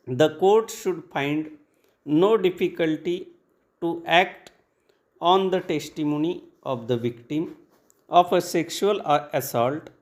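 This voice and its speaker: A man dictating formal legal text for shorthand practice, reading in short measured phrases with pauses between them. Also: on the high side.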